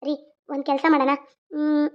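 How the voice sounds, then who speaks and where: A woman voicing a shy, sweet young woman in love who speaks softly. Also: high-pitched, monotone, fairly quick, muffled recording, close to an everyday voice. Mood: tender. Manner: bashful, soft.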